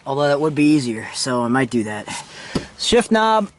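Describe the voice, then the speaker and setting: The Jeep vlogger's voice is mid-range and sing-song here, at normal speed, with a faint hiss or hum underneath. He explains the job informally, talking as he works with his hands on a handheld-filmed DIY car video.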